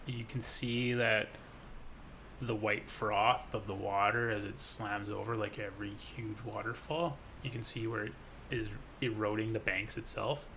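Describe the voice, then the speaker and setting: A man narrating as game master of a tabletop role-playing game, describing scenes in a relaxed, descriptive way with some hesitations. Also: lowish voice, a little slow, a little hiss or hum.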